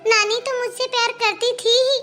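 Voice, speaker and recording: A woman's voice: very high-pitched, flat delivery, normal speed, over music. A woman voicing an outspoken young girl who speaks up earnestly for her mother in a cartoon. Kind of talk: cartoon voice acting.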